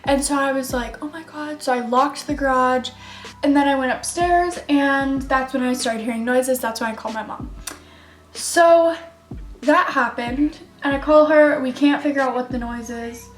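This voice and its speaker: A young woman telling a story while doing her makeup, rambling and giggly with lots of fillers. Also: high voice. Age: young adult. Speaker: beauty vlogger. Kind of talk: chatty get-ready-with-me storytelling. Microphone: camera mic. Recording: echoey room with faint music.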